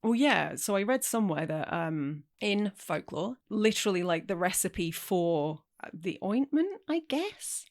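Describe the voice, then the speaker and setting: A woman's voice: mid-range voice, very animated, measured pace, hardly any pauses. A woman co-hosting a film podcast, chatty and thoughtful, laughing easily. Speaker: podcast co-host. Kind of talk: casual chat.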